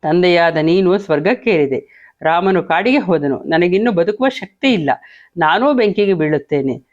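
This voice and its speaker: A man's voice: high voice, animated, unhurried. A man voicing a distraught young prince in an emotional reading, on a dull lo-fi recording. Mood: wailing. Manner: wailing then indignant.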